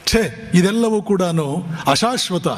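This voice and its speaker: A man's voice: high-pitched, lively intonation, takes it slowly. A monk from giving a spiritual discourse, impassioned and firing rhetorical, scolding questions at his listeners. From Bijapur region, north Karnataka. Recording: long hall reverb.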